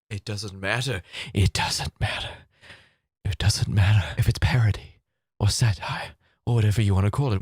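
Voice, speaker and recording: A man talking casually to camera as a YouTuber, dramatic and theatrical, jumping between hushed asides and loud outbursts, recorded close on the mic. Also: fairly low pitch, dry recording. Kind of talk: casual video commentary.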